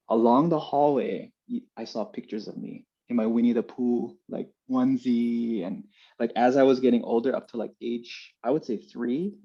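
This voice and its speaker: A young man from Hawaii, an interview guest telling a personal story in a relaxed, earnest way with many fillers. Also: mid-range voice, creaky, slightly rough. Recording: dull lo-fi sound.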